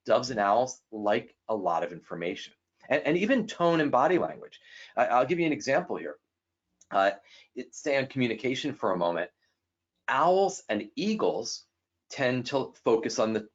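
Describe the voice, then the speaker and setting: Talking to a guest about personality styles, a man brings the people in his anecdotes to life, voicing their quoted words with rapid pitch jumps in an animated delivery. The recording sounds dull and lo-fi.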